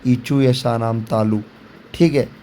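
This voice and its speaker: A man's voice: medium pitch, fairly even intonation, slow, dark tone, slight background noise. A man teaching Sanskrit in a patient lecture style, repeating points, quizzing the student, drawing out each syllable and mixing in English words. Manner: mixes English words into Hindi; drags out syllables when spelling sounds. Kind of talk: classroom lecture.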